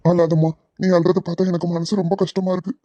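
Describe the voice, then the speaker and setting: A man voicing a gentle, easily swayed young husband for a cartoon. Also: high voice, flat delivery, no echo, dull audio, natural voice. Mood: soothing. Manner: gentle, soothing, quick-talking. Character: soft-hearted gullible young husband. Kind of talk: cartoon voice acting.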